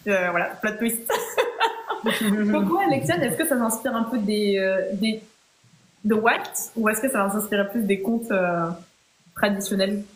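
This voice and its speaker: A woman's voice: medium pitch, a little slow, pauses often. A woman hosting a live chat, talking playfully and chattily with many fillers and restarts. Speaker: live stream host. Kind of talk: casual chat. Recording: roomy echo.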